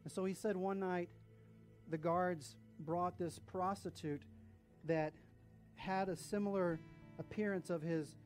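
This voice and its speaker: A male pastor preaching and telling a story, animated, with hushed drops at solemn moments. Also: high voice, unhurried, soft background music. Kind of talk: sermon storytelling.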